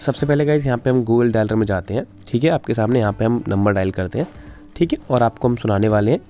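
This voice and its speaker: A man with a mellow, medium-pitched voice speaks quickly in a casual screen-recorded phone tutorial. He addresses viewers informally, repeating himself in a pleading way, while instrumental music plays behind him.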